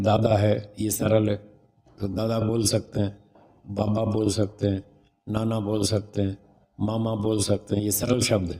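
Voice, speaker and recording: A man with a rather low, warm and relaxed voice gives a spiritual discourse on raising children. He explains patiently in the manner of a teacher and pronounces sounds slowly to demonstrate them. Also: creaky.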